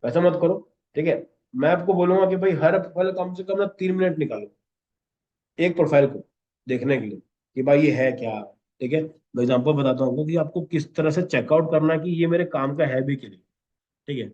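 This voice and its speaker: A man's voice: on the high side, fairly quick, a little mellow. Man teaching a class, dull lo-fi sound. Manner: instructive, repeats 'okay?' constantly. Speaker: instructor. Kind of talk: classroom lesson.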